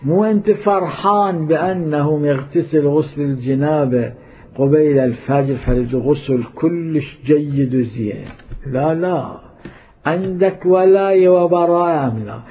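Gravelly Iraqi man preaching a sermon. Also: on the high side, a little slow. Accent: Iraqi Arabic. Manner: emphatic, scolding, repeats points. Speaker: cleric. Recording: tinny phone-like sound.

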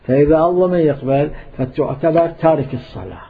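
Iraqi guy preaching, scolds and repeats himself, raspy voice, sounds like a phone line. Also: fairly high pitch, fast talker. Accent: Iraqi Arabic. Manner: emphatic, scolding, repeats points. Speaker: cleric. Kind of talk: sermon.

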